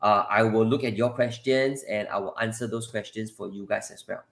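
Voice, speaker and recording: A man's voice: fairly low pitch, fairly even intonation, moderate pace, vocal fry. A man with a Singaporean accent hosting a casual live advice stream, conversational and repetitive, speaking straight to his viewers. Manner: repetitive, conversational, often addresses listeners directly. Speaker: live session host and property adviser. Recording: roomy, echoing sound.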